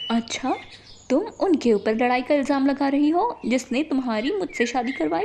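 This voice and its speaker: A woman's voice: high voice, darkish tone, a little hiss or hum. A woman voicing an earnest young brother-in-law who pleads reasonably in a cartoon story.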